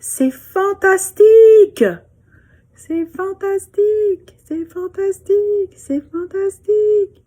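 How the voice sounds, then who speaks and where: A woman doing a shrill little girl shouting. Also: lively intonation, extremely slow, full character voice. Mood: amazed calling. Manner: high, shouted, stretched-out calls.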